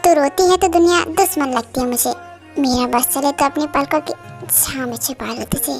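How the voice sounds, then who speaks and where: A woman voicing a gentle protective young boss. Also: high voice, moderate pace, over loud music. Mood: tender. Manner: calm, gentle, reassuring. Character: young male rich CEO boss, caring and protective. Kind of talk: fan Hindi dub, amateur drama reading.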